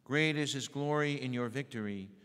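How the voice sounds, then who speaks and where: A man leading a church service as priest, reciting prayers and readings in a measured, solemn way. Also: mid-range voice, a bit bright. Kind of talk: liturgical recitation. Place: large church. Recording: echoey church hall.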